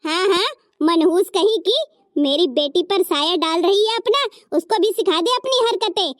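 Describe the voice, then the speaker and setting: A woman's voice: extremely high pitch, moderate pace, dry recording, clean studio sound. A woman voicing a harsh scolding mother-in-law. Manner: scolding, insulting. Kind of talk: cartoon story voice acting.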